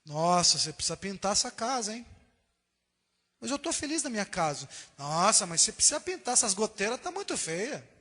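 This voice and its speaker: A man's voice: high-pitched, very animated, a little fast, pushed and bright, pitched below the performer's own voice, full character voice. A man with a Brazilian Portuguese accent voicing a nosy, critical house guest in a condescending, fault-finding manner. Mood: scornful. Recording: echoey church hall recording.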